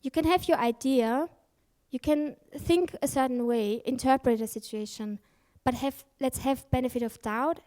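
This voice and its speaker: Candid, emphatic woman speaker, somewhat high voice. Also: moderate pace, mellow. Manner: candid and emphatic, swears freely; frequent self-corrections and fillers. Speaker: conference speaker. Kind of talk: conference talk. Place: conference stage.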